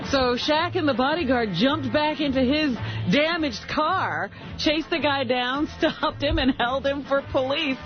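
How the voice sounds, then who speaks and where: Radio co-host, female, high voice, chatty storyteller, muffled broadcast. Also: a little slow, few pauses, faint music behind. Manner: storytelling, laughs often. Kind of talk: casual radio banter.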